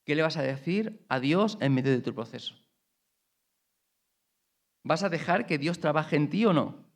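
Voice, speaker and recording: Animated colloquial pastor. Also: male voice, a little high, a little slow. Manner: colloquial, animated storytelling with rhetorical questions. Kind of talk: sermon.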